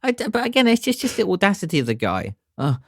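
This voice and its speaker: A man co-hosting a podcast, rambling with halting restarts and an exasperated tone. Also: high voice, wildly swooping pitch, vocal fry, no echo, studio quality. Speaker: podcast co-host. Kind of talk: casual chat.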